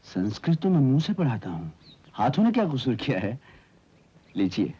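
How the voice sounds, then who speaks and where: An actor playing a gentle young Sanskrit teacher in a 1970s Hindi film, who is soft-spoken and teasingly persistent. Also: male voice, medium pitch, sing-song, moderate pace, a little hiss or hum, natural voice. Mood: coaxing. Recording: dull old film soundtrack with music.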